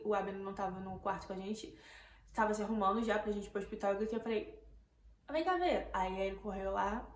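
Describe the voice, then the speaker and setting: Emotional Brazilian woman vlogger, echoey room. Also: fairly high pitch. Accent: Brazilian Portuguese. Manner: breathless, emotional retelling with repeated words. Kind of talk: casual storytelling to camera. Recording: echoey room, faint background noise.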